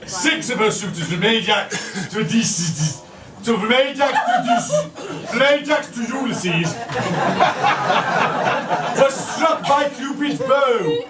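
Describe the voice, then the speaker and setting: A man playing a camp, bawdy Roman wine god, telling stories in a shrill pantomime dame manner with theatrical mock-lecturing and crude asides. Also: very animated, slow pace, over a noisy crowd, heavily acted. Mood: excitable, bawdy. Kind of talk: live comic pantomime monologue. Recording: echoey, distant live stage recording, noisy audience. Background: loud laughing audience.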